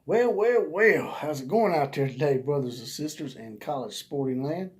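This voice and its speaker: A man's voice: medium pitch, animated, moderate pace, warm tone. A man hosting his own sports channel, ranting in a folksy, preacher-like way and drawing out words for emphasis. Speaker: sports vlog host. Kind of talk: casual rant in a preacher's manner.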